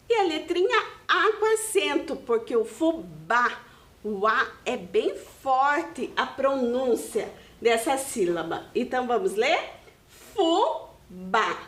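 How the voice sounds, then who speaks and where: A woman's voice: fairly high pitch, fairly bright tone, reverberant. A Brazilian woman teaching a video lesson to young children, patient and sing-song as she explains. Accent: Brazilian Portuguese. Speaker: primary school teacher.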